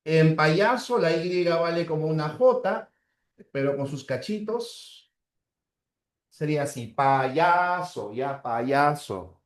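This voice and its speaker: Male teacher, fairly high voice, slow drawn-out example words, frequent check-ins, roomy echo. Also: expressive. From Peru. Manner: checks in with the class with short tags. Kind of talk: classroom lecture.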